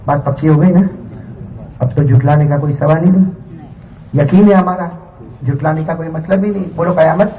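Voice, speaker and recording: A man's voice: fairly high pitch, fairly even intonation, long pauses, highs cut off. A man preaching to a congregation, calling for spoken answers from the crowd and chanting Quran verses in a melodic recitation. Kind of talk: sermon with call and response. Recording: echoey, distant mic, faint noise.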